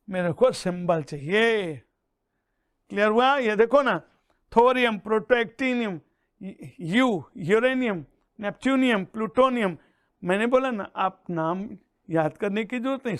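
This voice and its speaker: A man teaching chemistry in a lesson, slowly chanting mnemonics and repeating them for students, calling them beta. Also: very high-pitched, fairly bright tone, smooth, dry recording, clean studio sound. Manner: addresses listeners as beta and bhaiya.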